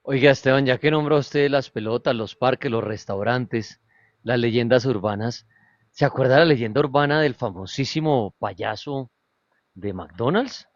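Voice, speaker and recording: A man's voice: mid-range voice, measured pace, no room sound. Host guy joking around, chatty, muffled dry mic sound. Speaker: show host. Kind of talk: casual chat.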